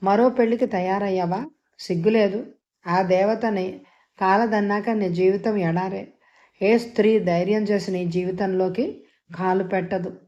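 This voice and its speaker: A defiant young woman doctor with a cutting tongue, read by a woman narrator. She talks in a mellow, low-lit tone and lays on the scorn. It is a dialogue scene from an audio novel. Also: steady tone, measured pace, muffled recording, lightly acted. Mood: accusing. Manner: scornful, scolding.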